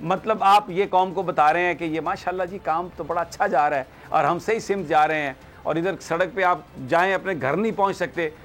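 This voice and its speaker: Guy ranting about politics on a talk show, kinda high-pitched, fired up. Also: a little fast, hardly any pauses, fairly bright tone. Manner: impassioned, switches into English phrases. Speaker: political analyst guest. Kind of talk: heated political commentary.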